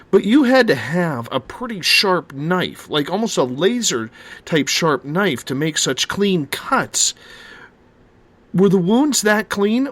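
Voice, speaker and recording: A man's voice: on the high side, fairly bright tone, no room sound. A man hosting a casual interview, speaking in an informal, effusive way. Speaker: show host.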